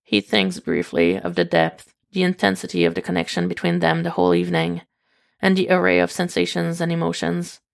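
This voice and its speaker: A woman reading a fan story aloud in calm, intimate scripted narration. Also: on the low side, a little fast, creaky. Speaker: podfic reader.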